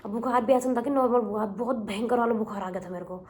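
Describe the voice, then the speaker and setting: A woman's voice: a little high, steady tone, fast, a little mellow. A young woman vlogger telling a long personal story in a casual, rambling way, repeating herself and mixing in English words. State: recovering from illness.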